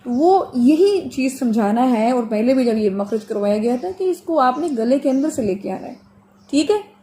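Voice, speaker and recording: A woman teaching Quranic pronunciation in a fairly high voice, over a faint hiss of background noise. She explains each letter patiently with homely comparisons. She drags out the model sounds slowly so the class can copy them. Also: animated, dark tone. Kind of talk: online tajweed lesson.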